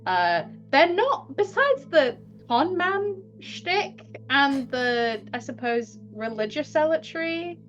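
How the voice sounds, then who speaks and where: A woman's voice: high voice, big pitch swings, slow, hardly any pauses, fairly bright tone. A woman tabletop player chatting casually and informally about a game. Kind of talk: casual chat. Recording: slightly dull sound, faint music. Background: faint music.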